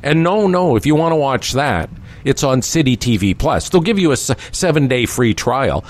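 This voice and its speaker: A male co-host whose pitch swings widely as he vents. He talks in a loose, chatty way and grows more exasperated as he goes. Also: normal speed. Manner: exasperated ranting, animated. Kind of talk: casual radio chat.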